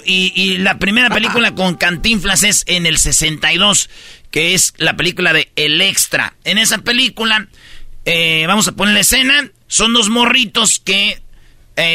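A man's voice: high voice, sharp tone, no echo. A man with a Mexican accent, hosting a radio show and telling a story in slangy, rambling casual chat. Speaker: radio host.

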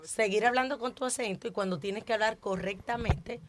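A woman's voice: fairly high pitch, a little fast. A woman chatting on a radio talk show, telling a story about her speech classes. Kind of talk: casual radio banter.

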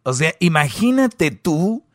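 A man's voice: a little high, big pitch swings, slow, no room sound, clean studio sound. A man with a Mexican accent, hosting a comedy segment and mocking a web article with crude sarcasm. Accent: Mexican Spanish. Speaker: show host.

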